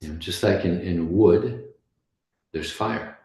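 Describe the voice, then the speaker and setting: Slow, deep, gravelly man teaching. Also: roomy sound, rough recording. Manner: chatty storytelling with frequent soft laughs. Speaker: devotional class speaker. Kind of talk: informal scripture class.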